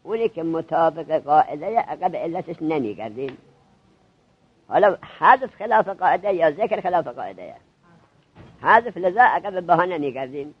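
Husky-voiced man quizzing his students. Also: a little high, no room sound, dull audio. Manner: drills students with rapid questions. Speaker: seminary teacher. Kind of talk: classroom grammar lesson.

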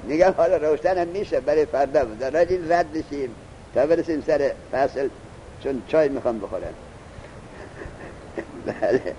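A man teaching a lesson. He reads the text slowly, explains it, and keeps asking his student questions. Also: a little high, lively intonation, warm tone, lo-fi sound, slight background noise. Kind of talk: classroom lesson.

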